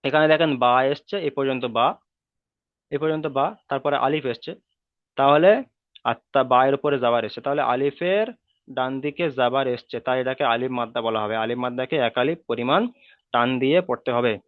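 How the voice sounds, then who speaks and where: A Quran reading teacher leads an online class, patiently repeating each rule and stretching the vowels. His mid-range voice moves fairly quickly, coming through a video call with tinny, dry audio.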